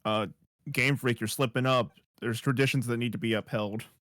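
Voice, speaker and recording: A man co-hosts a casual podcast over a computer mic on a voice call. His voice sits at a middling pitch, and the sound is dry and close. He makes easygoing, joking remarks. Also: steady tone, normal speed, fairly bright tone, dry recording. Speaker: podcast co-host.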